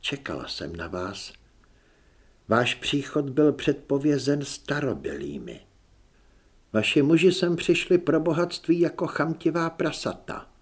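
A male audiobook narrator voicing a bold, cunning young high priestess who speaks in a calm, persuasive way. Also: breathy edge, full character voice. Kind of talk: audiobook character reading.

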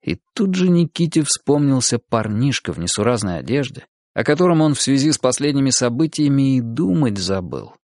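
Male audiobook narrator, measured, mid-pitched, dry and close. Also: sing-song, a little mellow, dry recording. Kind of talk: scripted narration.

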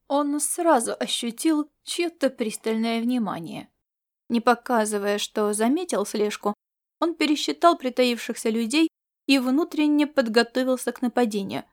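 Woman reading an audiobook, bit higher voice, steady and expressive. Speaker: narrator. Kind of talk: scripted audiobook narration.

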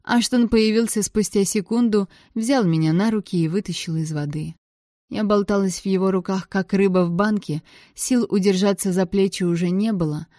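A woman reading a novel aloud in the first person, in an expressive, measured storytelling manner on a close mic. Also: medium pitch, no echo. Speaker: audiobook narrator. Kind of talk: first-person audiobook narration.

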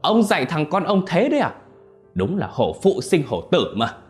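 A furious old father bellows his rage, as a man puts him on, his voice pushed high and strained as he rails at the young man. His words rise and fall in lively, jagged swings, with soft music in the background. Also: moderate pace. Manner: roaring, scolding, high and strained.

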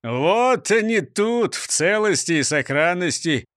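A man's voice: high-pitched, expressive, slow, a bit bright, dry recording, clean studio sound, full character voice. A man voicing a pompous, boastful police chief who talks down to everyone. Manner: pompous, mocking.

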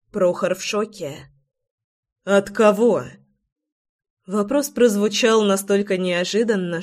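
A woman's voice: mid-range voice, darkish tone. A woman narrating a romance audiobook in the first person, with an emotional, dramatic reading.

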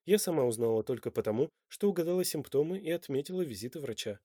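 A man reading an audiobook voices a guarded, stubborn young woman who speaks firmly and quietly. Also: deep voice, animated, fast, dry recording, clean studio sound. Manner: firm, clipped, restrained.

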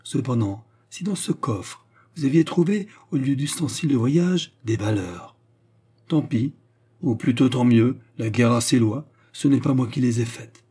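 A man voicing a proud, blustering German officer in a storybook reading, his voice husky and mellow. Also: medium pitch, moderate pace, natural voice. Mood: defensive bluster. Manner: blustering and defensive.

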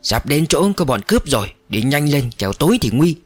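A man's voice: a little high, big pitch swings, fairly quick, husky, no echo, soft background music. A harsh old guide snaps out orders, as a male narrator voices him. It is recorded close and dry. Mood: urgent. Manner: barking orders. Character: gruff old man guide, harsh and cackling.

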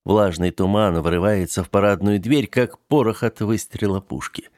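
A man narrating an audiobook in a measured storytelling manner. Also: lowish voice, darkish tone, dry recording, clean studio sound.

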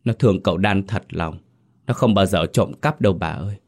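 A man's voice: sits low, brisk, darkish tone, slightly rough. A man doing a trembling pleading mother. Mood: desperate pleading. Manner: trembling, begging. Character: humble middle-aged mother, trembling and pleading.

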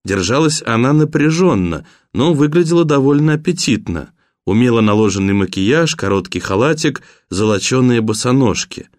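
A man narrating a crime novel in a steady, even storytelling voice. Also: mid-range voice, moderate pace, dry recording, clean studio sound. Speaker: audiobook narrator. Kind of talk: audiobook narration.

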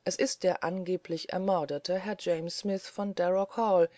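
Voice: medium pitch, steady tone, unhurried, dark tone, dry recording, studio quality, lightly acted. A reader voicing a confident male lawyer in a courtroom, speaking in an assured, polished way.

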